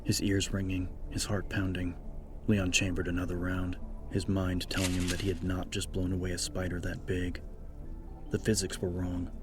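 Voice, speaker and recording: Over game-style background music, a man with a deep voice reads a horror story as dramatic scripted audiobook narration. He speaks at normal speed in a monotone.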